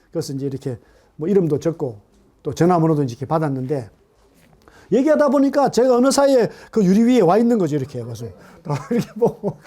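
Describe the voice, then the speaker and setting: A middle-aged man preaching a sermon to a congregation in an animated way, often asking them questions. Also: high voice. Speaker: pastor. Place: church hall.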